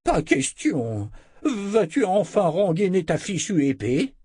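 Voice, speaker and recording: A man putting on a slow, cranky old wizard. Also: high voice, big pitch swings, mellow, husky, dry recording, clean studio sound, voice pushed up, exaggerated voice. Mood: grumbling.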